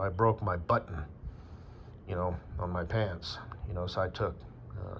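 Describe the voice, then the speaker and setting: A man's voice: low voice, fairly bright tone, slight background noise. A man from Wyoming talking in a rambling, casual monologue, meandering with fillers and swearing. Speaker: vlogger. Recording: dull lo-fi with faint ambience.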